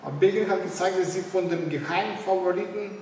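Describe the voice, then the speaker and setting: Middle-aged male football pundit, slightly high voice, hesitant unscripted commentary, recorded at a distance in a reverberant room. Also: darkish tone. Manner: halting, searching for words. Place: indoors, echoing room with display banners. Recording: echoey room, distant mic, faint noise.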